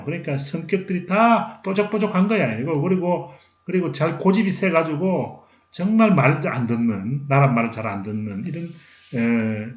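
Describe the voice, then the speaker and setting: Middle-aged man lecturing in a roomy hall. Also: mid-range voice. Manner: asks questions and answers them himself, lively. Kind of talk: recorded history lecture. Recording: roomy, slightly dull lecture recording.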